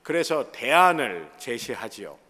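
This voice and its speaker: A man preaches an earnest, explanatory sermon and poses rhetorical questions to his congregation. His voice sits at a middle pitch but swings widely as he makes his points. The sound carries a long reverb from the church sanctuary. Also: sing-song, measured pace, pushed and bright, slightly rough. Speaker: pastor.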